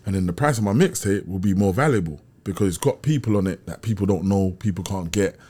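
Here's a low-pitched, fast, mellow male voice with a breathy edge. He comes from Brixton in south London and, as a guest on an interview, tells stories in a relaxed way with a South London accent, street slang, and frequent checks that he's being understood.

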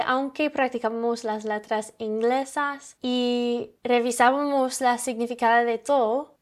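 A woman whose first language is English, teaching an English lesson in careful, non-native Spanish. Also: high-pitched.

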